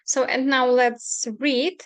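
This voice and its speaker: A woman teaching an English class online, speaking slowly and hesitantly with many fillers. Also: high voice, level tone, a bit bright, clear, resonant tone, no room sound. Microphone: computer mic on video call.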